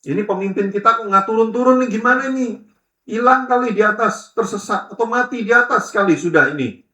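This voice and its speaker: Brief: a restless, worried crowd voice, done by a preacher, pitched up and tense, echoing around a hall. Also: male voice, a little fast, pushed and bright. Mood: anxious. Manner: anxious, fretting. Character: restless crowd of wandering people, anxious.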